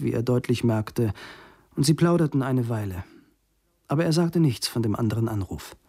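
A man reading a story aloud in a calm, measured narration. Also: medium pitch, breathy edge, no echo, studio quality. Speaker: audiobook reader. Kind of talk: scripted narration.

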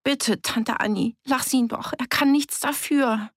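A woman's voice: high voice, fairly even intonation, measured pace, no echo, clean studio sound, voice pushed up. A woman reading an audiobook, voicing a frightened young girl who stammers and pleads. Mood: pleading.

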